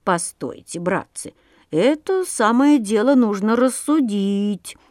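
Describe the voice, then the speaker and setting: A woman voicing a good-natured male chimney sweep, who speaks in a calm, reasoning way. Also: mid-range voice, slow, dry recording, studio quality.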